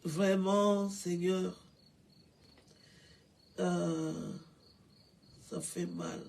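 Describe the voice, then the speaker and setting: An older woman, tearful and halting, repeating herself as she pays tribute on a phone live stream. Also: fairly low pitch, steady tone, creaky, darkish tone, a little hiss or hum. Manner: halting, repetitive, stammering. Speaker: livestreamer paying tribute.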